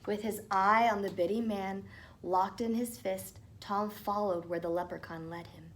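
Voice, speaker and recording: A woman's voice: medium pitch, steady tone, moderate pace. A woman narrating a children's storybook as a teacher reading aloud.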